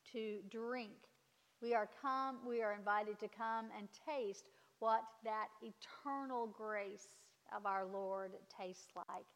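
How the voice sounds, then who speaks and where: A woman pastor leading communion liturgy in a solemn, measured, declamatory way with deliberate pauses. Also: mid-range voice. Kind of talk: solemn liturgical address and prayer. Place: large church or hall during a service. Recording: reverberant hall with long echo.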